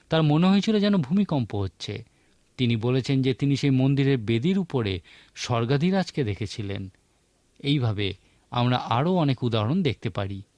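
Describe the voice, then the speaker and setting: A man's voice: mid-range voice, a little mellow, no room sound. A man preaching a sermon in an earnest teaching manner, asking rhetorical questions.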